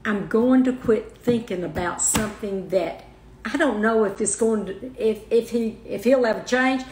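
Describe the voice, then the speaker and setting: An older woman speaking as a guest in a heartfelt interview, soft and halting, often restarting her sentences. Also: a little high, a little hiss or hum. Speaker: guest, mother of the host. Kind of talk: emotional personal interview. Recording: roomy echo.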